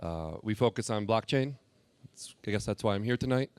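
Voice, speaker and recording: Relaxed man, clear lowish voice. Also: a little fast, dry recording. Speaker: panelist, research lab head. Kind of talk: panel self-introduction.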